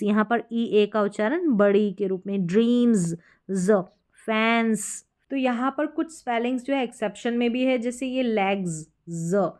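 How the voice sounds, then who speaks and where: Female teacher, patient and deliberate, repeats each example word and poses questions to the learner. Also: mid-range voice, a little mellow. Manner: slow, deliberate drilling of example words with questions to the viewer. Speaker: English pronunciation teacher. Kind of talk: classroom-style lesson explaining spelling rules.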